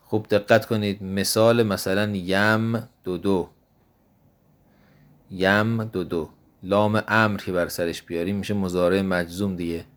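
Deep-voiced man teaching grammar slowly. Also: level tone. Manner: slow, measured, repeats forms one by one. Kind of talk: Arabic grammar lesson, recited drills.

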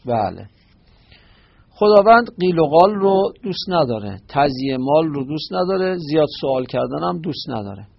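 In a patient, explanatory manner, a man with a husky, gravelly voice teaches a religious lesson, reciting brief Arabic phrases and explaining each in turn. He pitches his voice fairly high with wide swings and keeps breaking off mid-word to restart and correct himself. The audio is dull and lo-fi.

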